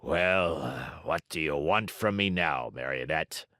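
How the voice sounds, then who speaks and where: A man doing Fire Eater, a hoarse gruff puppet master. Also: low-pitched, very animated, slow pace, fairly bright tone, no echo, studio quality, exaggerated voice. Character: gruff bearded male puppet-show director, blustering.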